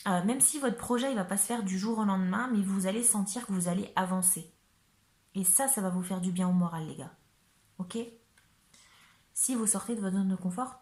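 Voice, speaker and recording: A woman's voice: medium pitch, a little mellow. Chatty woman reading tarot, echoey room. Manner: chatty, hesitant, many fillers, checks in with viewers. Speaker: tarot card reader. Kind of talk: casual tarot reading to camera.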